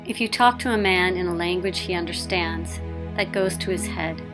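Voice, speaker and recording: A woman's voice: on the low side, normal speed, rough recording. A woman narrating a documentary in an earnest, reflective, scripted manner. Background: music.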